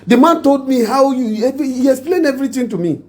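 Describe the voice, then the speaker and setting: A man's voice: on the high side, lively intonation, fairly quick, mellow, natural voice. A Nigerian-accented man playing a mediator who scolds a cheating wife and lectures her at rambling length. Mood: scolding. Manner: lecturing, rambling, mixes in pidgin.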